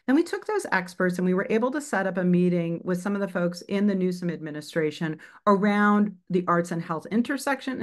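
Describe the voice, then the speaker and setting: Brisk woman presenting a webinar slideshow. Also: fairly low pitch. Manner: brisk, many fillers and self-corrections. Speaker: arts advocacy presenter.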